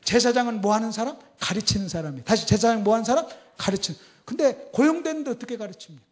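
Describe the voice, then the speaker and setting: Middle-aged male pastor, gravelly, high-pitched preaching voice, quiet asides that build to shouts, quizzes the congregation. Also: lively intonation, quick pace. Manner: swings from soft asides to shouted emphasis; asks the congregation questions and answers them. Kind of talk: sermon.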